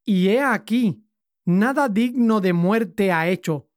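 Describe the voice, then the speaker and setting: Woman voicing a stern male governor, slow, formal, dry close sound. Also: medium pitch, a little mellow, no room sound, close to an everyday voice. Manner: measured formal reading.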